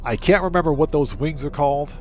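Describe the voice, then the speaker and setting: Chatting with viewers over background music, this livestream host thinks out loud, repeats phrases and greets the chat while gaming casually. He speaks fairly quickly in a slightly mellow voice on the high side.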